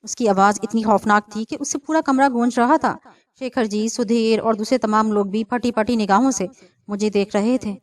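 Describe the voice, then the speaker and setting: A woman reading a serialized horror novel aloud, carrying narration and dialogue alike in a steady storytelling manner. Her voice sits a little high. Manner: steady storytelling, reads all characters.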